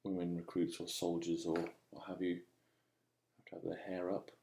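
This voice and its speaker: A man giving a casual, unscripted voice-over demo as a digital artist, speaking in a halting, musing way. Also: low-pitched, monotone, mellow, reverberant, a little hiss or hum. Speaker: digital artist demonstrating own work.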